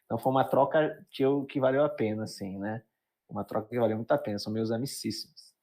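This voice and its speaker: A man's voice: medium pitch, fast talker. A Brazilian man, a psychologist guest, telling stories casually and acting out the people he quotes. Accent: Brazilian Portuguese. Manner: animated, acts out quoted people. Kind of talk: casual storytelling.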